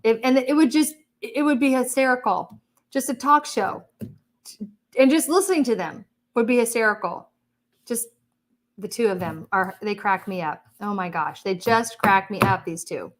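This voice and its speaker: A woman's voice: on the high side, moderate pace. A chatty woman hosting a casual livestream, laughing often and reading viewer comments. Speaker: livestream host.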